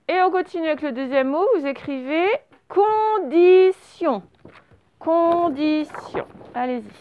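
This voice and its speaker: A woman's voice: high voice, lo-fi sound. A woman teaching a children's dictation, stretching each word and spelling it out syllable by syllable. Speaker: primary school teacher.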